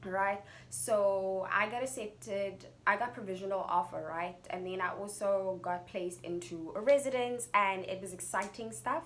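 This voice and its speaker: A woman's voice: medium pitch, fairly even intonation, unhurried, few pauses. Young South African woman vlogging over background noise. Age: young adult. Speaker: YouTuber telling a personal story. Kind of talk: casual storytime vlog.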